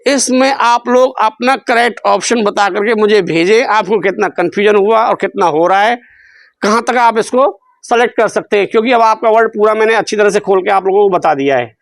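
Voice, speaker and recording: High-voiced, clear-toned male English teacher. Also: fairly quick, no room sound. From India. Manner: repeats his own questions to students and stretches out syllables. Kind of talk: spelling lesson explained in Hindi.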